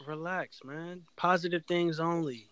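A man's voice: a little high, steady tone, measured pace, a bit bright, clean tone. A man from the Washington D.C. area co-hosting a sports podcast in casual chat.

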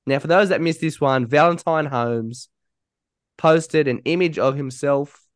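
A man's voice: a little high, measured pace, no room sound. Australian male podcast host, dry close sound. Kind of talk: casual rugby league podcast chat.

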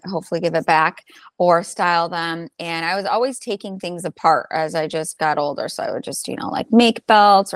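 Woman in her thirties, low voice, chatty and laughing, dry close sound. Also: dry recording. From Albanian heritage. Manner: chatty, laughs often, many fillers. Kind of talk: conversational interview.

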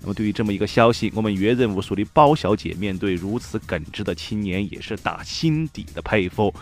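A low-voiced man with a Sichuan accent hosts a comic news show. He delivers items in a mock-newscaster style, slipping into colloquial, joking commentary, with music playing underneath. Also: lively intonation, fairly quick.

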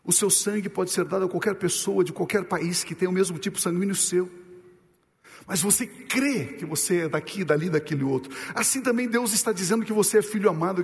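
The clip has a big-room sound as a male pastor preaches, questioning the congregation rhetorically and emphasizing points by slowing his delivery and going low.

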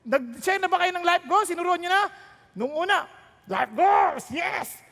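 A woman's voice: extremely high pitch, animated, a little slow, vocal fry, a bit bright, big-room sound. A woman pastor preaching a sermon, throwing rhetorical questions and jokes at the congregation while mixing Tagalog and English.

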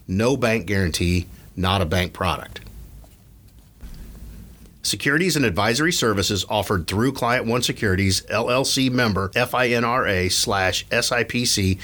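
Male announcer, lowish pitch, for scripted legal disclaimer. Formal, measured, matter-of-fact read. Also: a bit bright.

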